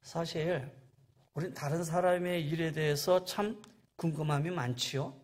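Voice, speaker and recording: A man's voice: on the high side, unhurried. A man preaching a sermon in a church, dramatic, acting out quoted lines and asking his congregation rhetorical questions. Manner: dramatic, acts out quoted dialogue with big swings in loudness. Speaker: pastor.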